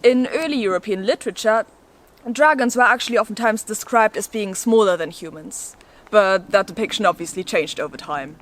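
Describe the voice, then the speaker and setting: With a brisk delivery in a mid-range voice, a woman hosts an educational explainer, reading her script playfully and somewhat theatrically with casual asides. There's noticeable background noise.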